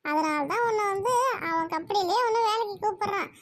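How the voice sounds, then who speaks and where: A woman's voice: very high-pitched, fairly quick, a bit bright, dry recording. A woman voicing a fussy, matchmaking middle-aged mother who scolds and orders people about in a cartoon. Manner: bossy, scolding. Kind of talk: cartoon voice acting.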